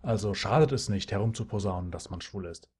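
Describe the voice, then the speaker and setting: A man voicing a confident, relaxed teenage boy in an amateur audio drama, speaking in a calm, laid-back way. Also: lowish voice, fairly quick, slightly rough.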